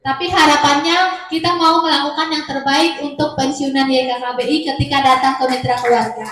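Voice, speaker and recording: High-voiced woman presenting in an echoey room. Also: steady tone, brisk, a bit bright. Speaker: event presenter for a hospital. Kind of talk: informal address to an audience.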